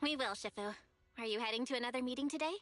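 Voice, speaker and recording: A woman's voice: a little high, very fast, a bit bright, no room sound, soft background music, close to an everyday voice. A woman voicing an attentive young female disciple in an anime-style video game.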